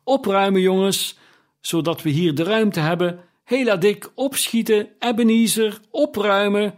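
A man voicing a hearty, booming old merchant. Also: measured pace. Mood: bustling. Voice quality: full, rich, jovial voice. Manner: loud, hearty calling. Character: jolly old male merchant, plump and jovial.

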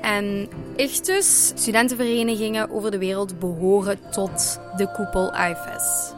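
Young woman, relaxed and reflective. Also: mid-range voice, moderate pace, over music. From Belgian Limburg. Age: 20s. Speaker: interviewee, student. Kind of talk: casual interview.

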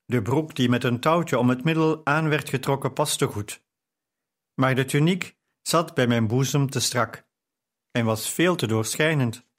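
A man reads a novel aloud in a calm, steady storytelling voice. He takes his time over each sentence, with an ordinary mid-range pitch. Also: unhurried. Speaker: audiobook narrator. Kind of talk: scripted narration.

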